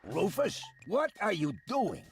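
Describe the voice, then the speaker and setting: A man's voice: high voice, wildly swooping pitch, slow pace, soft background music, exaggerated voice. A man voicing a polite, dry-witted eccentric scientist in a video game.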